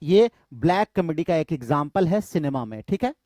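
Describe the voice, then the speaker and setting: A man's voice: a little high, big pitch swings, normal speed, dark tone, no room sound. A male literature teacher giving an exam-prep lecture in Hinglish, often asking a question and then answering it himself. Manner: repetitive quizzing, asks and answers own questions.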